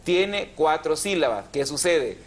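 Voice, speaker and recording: Male TV host, somewhat high-pitched, didactic and explanatory. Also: animated, unhurried. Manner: explanatory, checks in with "¿verdad?". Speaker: TV language show host. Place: TV studio.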